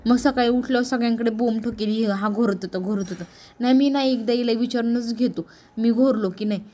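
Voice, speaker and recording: A woman's voice: fairly high pitch, fairly even intonation, a little fast, warm tone, natural voice. Worried young husband muttering to himself, nagging, lady narrator doing his voice. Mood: fretful. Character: anxious fretful young husband.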